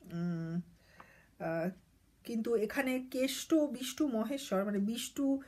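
Woman with a breathy voice explaining a poem. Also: on the high side, slow, darkish tone. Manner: hesitant, many fillers and self-corrections. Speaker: vlogger reading and explaining a poem. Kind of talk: casual explanatory reading.

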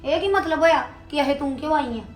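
A woman's voice: high-pitched, a little fast, close to an everyday voice. A woman with a Punjabi accent playing a defiant young wife who insists on her place in the home. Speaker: wife, daughter-in-law. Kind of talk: family drama acting. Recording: roomy echo, faint music.

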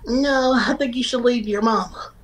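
A woman's voice: fairly high pitch, moderate pace, over a noisy crowd, rough recording. Playful bawdy young woman streaming. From Louisiana. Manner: playful, bawdy, with sudden shouted outbursts. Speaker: livestream host. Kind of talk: joking livestream chat. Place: small bedroom indoors. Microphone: phone camera at arm's length.

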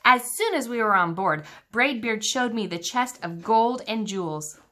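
A woman's voice: a little high, lively intonation, unhurried, sharp tone. A woman teacher reading a children's book aloud, engaging her young listeners with questions about the pictures.

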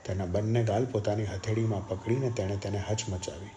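A man with a lowish voice narrates an audiobook in a steady, measured way. A faint hiss runs quietly under his reading.

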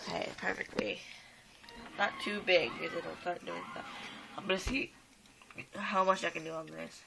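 Heavy background noise surrounds this sick girl, a child or young teen, as she plays a game in a home room by a computer and chats casually, rambling with plenty of "um" and "like" and exclaiming at the game. Her lowish voice is gravelly and a bit rough, with fairly even intonation at normal speed. It's recorded on a phone camera filming the screen.

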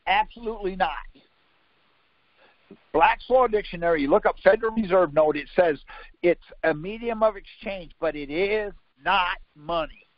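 Speaking at a normal pace in a high voice, a conference call leader quizzes and contradicts his listener in an informal, insistent lesson on legal theory. The line is muffled and lo-fi, with no room sound.

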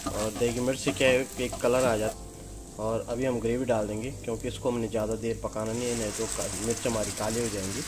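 A man's voice: mid-range voice, little pitch movement, fairly quick, noisy background. A man, a chef, explaining a recipe step by step in a kitchen cooking demonstration.

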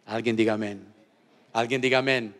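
In a church auditorium, a male pastor delivers a sermon with call-and-response, swinging between shouted lines and low asides. His tone stays steady and his pace moderate.

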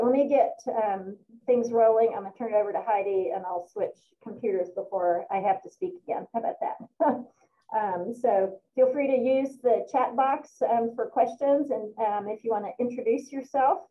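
Woman starting a zoom meeting, lots of ums, sounds muffled like through a wall, thin phone-ish audio. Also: mid-range voice. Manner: hesitant, many fillers. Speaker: meeting organizer. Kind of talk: opening an online meeting. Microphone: computer mic on a video call.

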